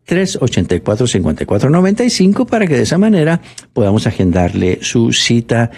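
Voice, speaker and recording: A man's voice: medium pitch, sing-song, a little fast, darkish tone. A man talking on the radio for a bank, persuasive and repetitive, with frequent fillers. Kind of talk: radio promotional talk.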